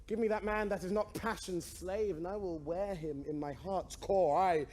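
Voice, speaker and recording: Man playing an impassioned high-voiced prince. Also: steady tone, normal speed, darkish tone, slight background noise, close to an everyday voice. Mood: devoted. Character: impassioned young prince Hamlet. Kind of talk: amateur Shakespeare performance.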